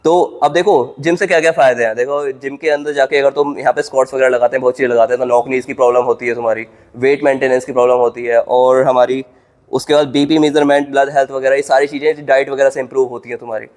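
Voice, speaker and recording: A young man speaks rapidly, in a brisk, informal way, addressing his viewers directly as if coaching them. His pitch sits in an ordinary middle range. He is recording a casual advice vlog from inside a gym. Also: fairly even intonation, darkish tone. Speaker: exam coaching YouTuber.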